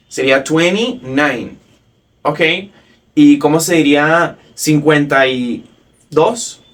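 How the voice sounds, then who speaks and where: A man teaching a step-by-step language lesson, saying each word slowly and carefully for learners to repeat. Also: a little high, a bit bright, recorded from a distance. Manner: slow, careful drilled pronunciation of English words. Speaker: English teacher.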